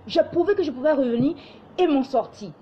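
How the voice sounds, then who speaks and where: This young Ivorian woman speaks a little fast in a high, mellow voice with lively intonation and a light Ivorian French accent. As an online commentator, she lectures and exhorts to camera with mimicking quoted asides. The audio is dull with slight background noise.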